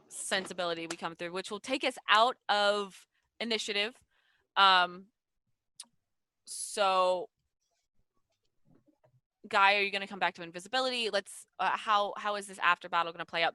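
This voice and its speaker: A woman's voice: medium pitch, sharp tone, clear, resonant tone, no room sound. A woman narrating as game master for a tabletop game, chatty and playful as she explains the rules.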